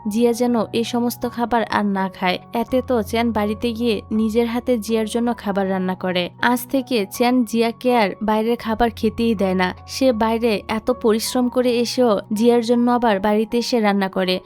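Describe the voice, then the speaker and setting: A woman's voice: on the high side, moderate pace, few pauses, faint music behind. A woman narrating a drama recap as a scripted story, reading the characters' lines plainly in her own voice. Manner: steady, reads quoted dialogue plainly in her own voice.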